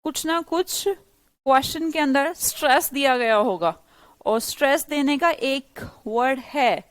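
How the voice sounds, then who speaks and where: A woman from India teaching an English grammar class live, explaining lively and teasing her students with quick questions. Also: sits high, no room sound.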